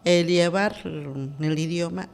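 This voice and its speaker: Woman guest, hesitant and halting, heavy on fillers. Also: lowish voice, fairly even intonation, gravelly, darkish tone. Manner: hesitant, many fillers and restarts. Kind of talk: casual interview talk.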